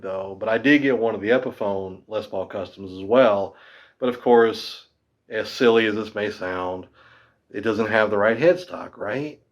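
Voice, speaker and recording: The recording loses its high frequencies, leaving this man's lowish voice a bit dull. He's a guitar teacher in his fifties, casually rambling to camera about guitars with a self-mocking streak.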